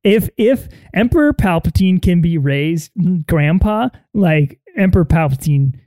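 A man's voice: high voice, expressive, measured pace, darkish tone, no room sound. A man co-hosting a casual film review podcast, talking in a laid-back, slangy, mocking way. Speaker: podcast co-host.

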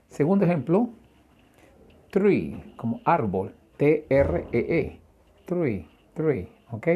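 Male English teacher, husky and mellow, patient, spells words out letter by letter. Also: medium pitch. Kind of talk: language lesson.

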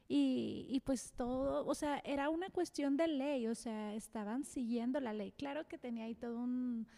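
A woman's voice: sits high, moderate pace, creaky, mellow. A married woman, chatting casually about faith with many fillers and frequent laughs. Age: adult, married. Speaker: co-host.

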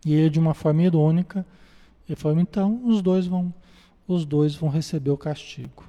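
A man's voice: on the high side, fairly quick, warm tone, big-room sound. A man with a Brazilian Portuguese accent leads a Spiritist study group. He reads passages from a book and comments on them conversationally, ending most phrases with a questioning tag and speaking directly to his listeners. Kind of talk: reading a book aloud and commenting on it.

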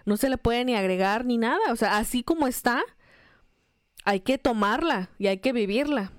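Woman, podcast co-host, earnest and preacherly, smooth clear voice, fairly high, dry close mic. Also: moderate pace, no room sound.

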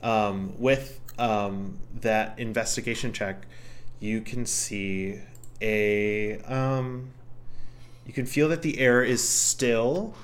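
Halting, lowish-voiced male game master. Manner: halting, hesitant, searching for words. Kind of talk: improvised tabletop game narration.

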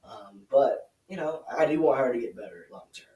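A man's voice: mid-range voice, animated, a little fast, mellow, lo-fi sound. A man co-hosting a casual motorsport podcast, talking in a hesitant way with many fillers and restarts. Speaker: podcast co-host. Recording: roomy, distant mic.

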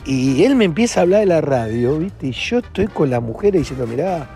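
A man in his fifties with an Argentine accent, a comedian guest telling anecdotes in a lively way, laughing often and acting out the voices of the people he quotes. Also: fairly high pitch, a little fast, faint music behind. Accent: Argentine Spanish.

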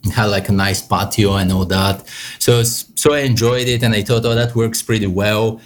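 Male guest, 30s, slightly low pitch, hesitant. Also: fairly even intonation, moderate pace. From Bulgaria. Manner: hesitant, many "um" and "like". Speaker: guest, real estate investor. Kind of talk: interview answers.

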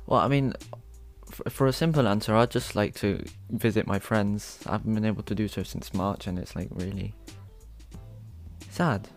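A young man co-hosting a casual podcast, chatty and easygoing, quick to apologize. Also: on the low side, steady tone, faint music behind. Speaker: podcast co-host. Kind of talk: casual chat.

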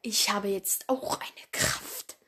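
A woman's voice: mid-range voice, steady tone, takes it slowly, sharp tone, slightly rough, in a whisper, heavily acted. Woman doing a vengeful warrior tomcat. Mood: menacing.

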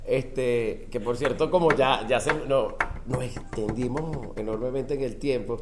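A man with a Venezuelan accent, hosting a casual chat in a relaxed, easygoing way. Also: medium pitch, measured pace. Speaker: host. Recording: echoey room with faint noise.

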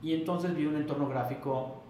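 A Mexican man with a fairly high voice tells a story at normal speed in a casual interview. He's animated and acts out past conversations in a raised, livelier voice. The room is very echoey, with faint noise.

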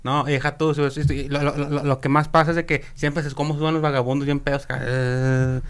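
A man with a Mexican accent chatting casually as a podcast guest, rambling and halting, full of street slang. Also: on the high side, flat delivery, clear, resonant tone. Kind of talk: casual chat.

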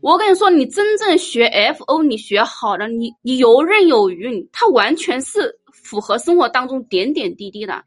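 A woman giving an informal dharma talk as a Buddhist teacher, blunt and teasing, telling lively stories. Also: sits high, moderate pace, few pauses, soft background music. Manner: blunt, teasing, animated storytelling.

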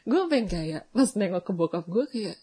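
A young woman, hosting a vlog and chatting casually with viewers, telling a story in a slangy, animated way. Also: medium pitch, moderate pace, slightly rough. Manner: chatty storytelling, slangy Jakarta-style, animated when excited. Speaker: vlog host.

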